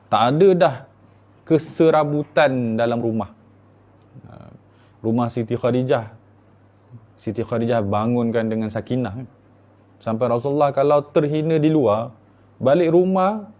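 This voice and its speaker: Warm-voiced Malaysian religious teacher. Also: male voice, mid-range voice, creaky, muffled recording. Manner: conversational, asks listeners rhetorical questions. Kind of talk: religious lecture.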